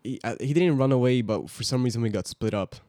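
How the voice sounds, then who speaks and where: A sixteen-year-old Hungarian-born young man, a podcast guest, chatting casually and telling stories in a rambling, relaxed way. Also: medium pitch, quick pace, dry recording, clean studio sound. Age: teens. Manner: relaxed, rambling storytelling with fillers.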